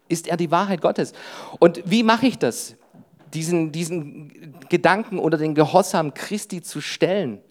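Male preacher, family man, youth sermon, punchy and direct, peppered with "hey", sinks his voice low for inner thoughts. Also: normal speed, darkish tone. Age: adult with wife and children. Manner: emphatic, often breaks in with "hey". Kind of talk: sermon to young people.

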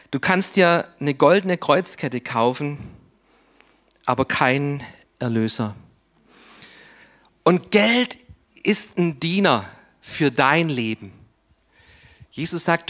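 Slow, deliberate male preacher. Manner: deliberate, with long pauses and sudden drops to a soft, low voice for emphasis. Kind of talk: sermon.

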